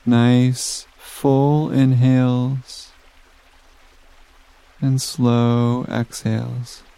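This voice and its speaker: A man leads a guided sleep meditation, speaking very slowly with long, soothing pauses. His voice is warm and mellow, smooth and resonant, in a flat, even tone. The recording is dry and close. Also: mid-range voice, dry recording.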